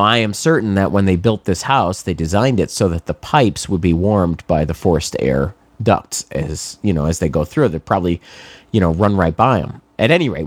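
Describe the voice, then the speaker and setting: A man's voice: lowish voice, dry recording. A middle-aged man from New England with a cold, talking casually and wryly sarcastic in a rambling monologue with many fillers. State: has a cold, congested.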